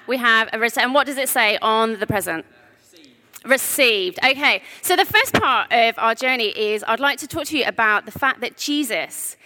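Woman, preacher, sermon, big hall echo, projected voice, slightly high. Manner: projects her voice, warm storytelling. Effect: big hall echo on her mic. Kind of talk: sermon with a handheld prop. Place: church hall with a congregation. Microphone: wearing a mic on the PA. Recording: echoey hall reverb.

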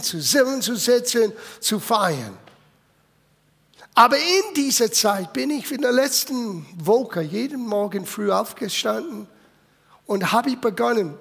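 Male pastor, English-accented German, emphatic sermon delivery, gravelly high voice, echoing church hall. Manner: emphatic, swings between loud urging and quiet low asides. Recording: long reverb of a church hall.

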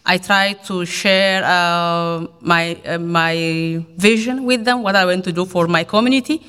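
A woman's voice: lowish voice, unhurried, fairly bright tone, clear, resonant tone. A woman panelist answering an audience question, earnest and hesitant, with many fillers. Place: event hall. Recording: reverberant hall.

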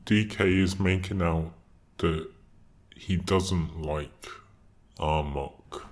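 Male podcast co-host, low-pitched, slow, wry. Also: fairly even intonation. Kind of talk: casual podcast chat.

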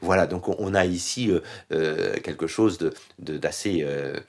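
A man giving a Bible study lesson, talking loosely with many pauses, fillers and restarts. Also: low-pitched, creaky. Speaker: Bible teacher.

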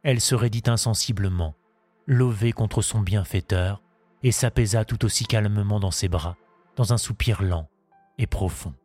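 A man narrating a story in a measured, even audiobook reading. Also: lowish voice, no echo, faint music behind.

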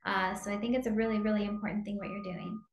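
A woman's voice: medium pitch, huge pitch swings, fast, a little hiss or hum. Encouraging woman interviewer in roomy echo. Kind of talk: interview questions.

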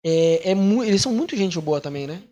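Animated Brazilian man, fairly high voice. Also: brisk. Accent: Brazilian Portuguese. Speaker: missionary. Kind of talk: casual talk to camera.

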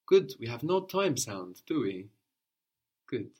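Male tutor, mid pitch, patient drilling style, repeats and corrects. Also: very animated, takes it slowly, slightly rough. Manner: patient, prompting questions and repeating answers. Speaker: language teacher. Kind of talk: one-on-one language lesson.

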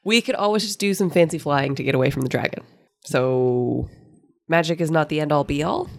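A woman's voice: low voice, normal speed, gravelly. A woman with a head cold and stuffy nose, chatting casually as a player on a tabletop game podcast.

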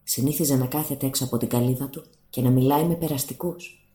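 A woman narrating a fairy tale for radio in an animated storytelling manner. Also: a bass voice. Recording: roomy studio echo.

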